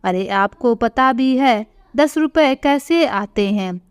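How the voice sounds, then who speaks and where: A woman's voice: on the high side, animated, takes it slowly, clear, resonant tone, no room sound. A woman voicing a spiteful, scheming young daughter-in-law who taunts her mother-in-law in a spoken story. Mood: scolding. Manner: sharp, taunting.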